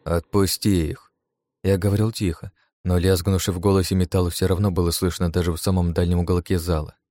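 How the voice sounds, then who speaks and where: Deep, dark-voiced male narrator. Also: little pitch movement, quick pace. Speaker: audiobook narrator. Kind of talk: first-person scripted narration.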